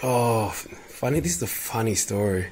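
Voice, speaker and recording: A man's voice: lowish voice, lively intonation, normal speed, a little mellow. A man in his twenties chatting casually as a podcast guest, telling anecdotes in a laid-back, slangy way and often repeating himself. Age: 20s. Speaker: podcast guest, rugby league player.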